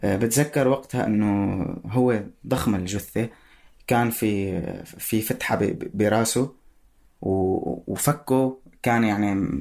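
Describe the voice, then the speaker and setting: A man with a Syrian Arabic accent giving personal spoken testimony in a halting way, searching for words. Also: on the low side, gravelly, darkish tone.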